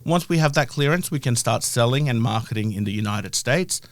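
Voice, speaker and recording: A middle-aged man speaks with a broad Australian accent at an average pitch. He is an interview guest explaining his work in a conversational way. The sound is dry, with no room echo. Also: animated, a little fast. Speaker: interview guest, health-tech founder.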